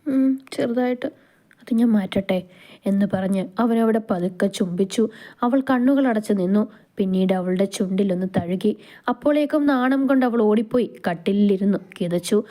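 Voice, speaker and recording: A woman narrating a romance story aloud in an even, unhurried reading style. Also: mid-range voice.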